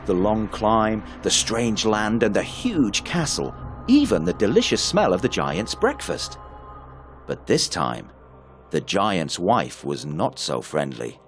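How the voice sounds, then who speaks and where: Guy reading a fairy tale slow, voice goes way up and down, soft music behind. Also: on the low side. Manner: expressive, unhurried reading. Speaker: storyteller. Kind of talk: storybook narration.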